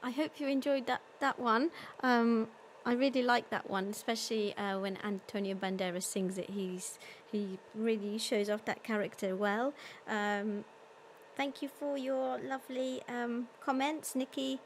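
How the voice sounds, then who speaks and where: A woman's voice: fairly high pitch, flat delivery, measured pace, slight background noise. A woman hosting her own live concert stream, chatting casually with many ums and reading out viewer comments. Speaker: concert host and singer.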